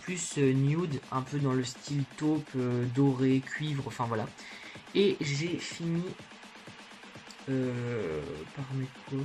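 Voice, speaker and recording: A beauty vlogger with a bass voice talks slowly over music, chatting candidly and informally with viewers in a slangy makeup haul video filmed in her bedroom.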